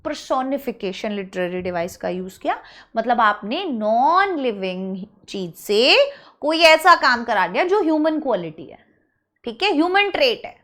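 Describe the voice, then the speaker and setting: Woman teacher, high bright voice, grammar class, slow drilling of word forms. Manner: drills words slowly, one by one; mixes Hindi explanation with English terms. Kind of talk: online English grammar lesson.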